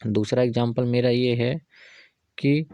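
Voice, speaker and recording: Guy teaching english grammar, keeps asking then answering, dark voice, dry close sound. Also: medium pitch, steady tone, measured pace, no room sound. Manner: repetitive, patient teaching with rhetorical questions. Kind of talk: explaining grammar examples step by step.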